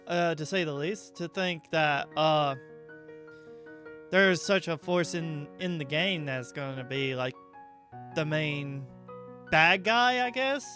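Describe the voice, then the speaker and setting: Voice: mid-range voice, slow pace, pauses often. Streamer, casual reaction commentary, hesitant loose phrasing, prominent background music. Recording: loud music under the voice.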